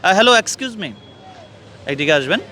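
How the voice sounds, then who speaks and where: A man's voice: sits high, expressive, fairly quick, sharp tone. A man hosting a street quiz interview outdoors, earnestly questioning passers-by and lecturing them. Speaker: street interviewer and channel host. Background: traffic and street noise.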